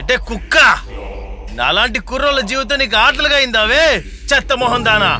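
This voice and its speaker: An actor playing a furious, betrayed young man who shouts insults in a film drama. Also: extremely high pitch, a little fast, heavily acted. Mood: enraged. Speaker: jilted lover in a film. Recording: film scene with loud music score.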